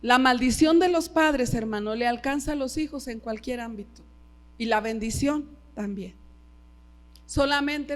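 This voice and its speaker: Female preacher, middle-aged, Mexican Spanish accent, high voice, emphatic sermon delivery. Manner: emphatic, keeps addressing listeners as brother. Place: church.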